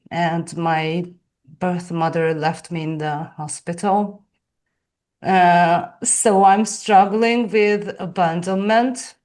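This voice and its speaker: A woman from Hungary speaks English with a Hungarian accent, taking her time as she thinks aloud. Her voice sits low and her pace is unhurried, with soft laughs between thoughts. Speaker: podcast guest. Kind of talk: casual interview talk.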